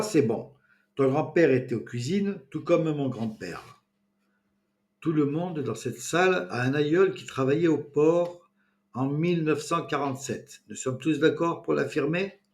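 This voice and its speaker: A man's voice: on the high side, unhurried, pitched above the performer's own voice, lightly acted. A man doing a bossy small-town mayor.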